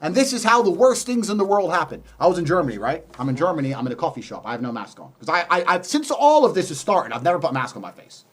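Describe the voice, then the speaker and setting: Fast, animated combative man. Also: on the high side. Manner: animated, combative, swears freely. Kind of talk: heated conversational debate.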